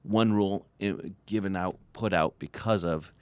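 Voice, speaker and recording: A man's voice: low voice, moderate pace, darkish tone, clean tone, no room sound. A man co-hosting a casual football podcast, joking and sarcastic, often trailing off and restarting. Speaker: podcast co-host. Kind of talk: casual chat about football.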